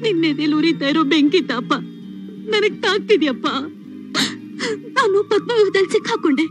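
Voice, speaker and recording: A woman's voice: very high-pitched, expressive, moderate pace. An actress playing a remorseful mother who pleads for forgiveness through tears, in film melodrama dialogue with music underneath. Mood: anguished. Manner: tearful, anguished pleading.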